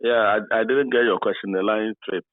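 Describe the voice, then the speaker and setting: Man, phone-in caller, clipped breaking phone line, tinny narrow sound, lowish voice. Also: fairly even intonation, fairly quick. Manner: keeps calling hello over a dropping line. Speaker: phone-in guest. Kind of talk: live radio phone interview.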